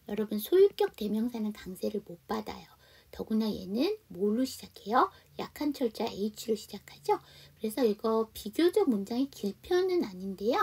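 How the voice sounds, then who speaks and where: A woman teaching an English conversation lesson, explaining pronunciation step by step and modeling phrases slowly. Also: a little high, husky, far from the mic.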